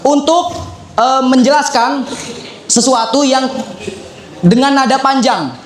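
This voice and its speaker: Very high-voiced young man coaching students. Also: slow pace. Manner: instructive, repeats phrases while demonstrating. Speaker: public speaking trainer. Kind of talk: lively seminar teaching to students. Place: school hall with students. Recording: echoey room.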